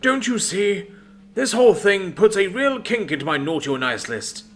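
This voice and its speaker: A man voicing a foul-mouthed, violent old Santa Claus in a spoken story, mocking and shouting threats. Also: high voice, lively intonation, normal speed, pitched above the performer's own voice. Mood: wheedling.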